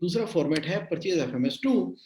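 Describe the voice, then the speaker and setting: Animated high-voiced coach, echoey room. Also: male voice, brisk. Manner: animated, repeats phrases, mixes English into speech. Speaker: cash flow coach. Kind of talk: live online business coaching session.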